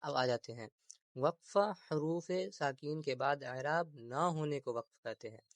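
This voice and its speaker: A man's voice: mid-range voice, no echo. A man teaching an Urdu grammar lesson, repeating terms and asking rhetorical questions as he explains, with English words mixed in.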